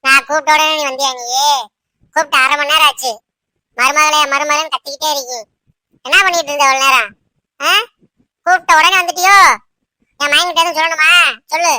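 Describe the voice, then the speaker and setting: A woman voicing a sharp-tongued, domineering old mother-in-law in a cartoon, scolding and bossing her daughter-in-law. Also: high voice, steady tone, quick pace, no echo. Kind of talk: cartoon voice acting.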